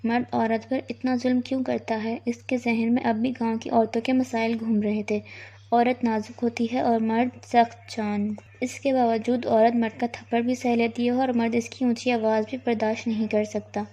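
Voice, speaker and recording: Woman narrating a novel, mellow voice, pretty flat, muffled audio. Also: a little high. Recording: dull lo-fi recording.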